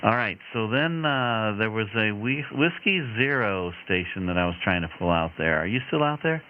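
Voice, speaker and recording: A man's voice: on the low side, animated, moderate pace. A man acting as net controller on amateur radio, taking check-ins with procedural jargon and call signs. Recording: crackly muffled radio audio, heavy noise.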